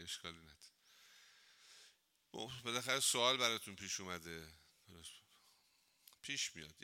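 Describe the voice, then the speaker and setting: A man's voice: on the low side, pushed and bright. A man, a cleric, giving an informal religious lesson in a mosque, talking conversationally and telling humorous anecdotes.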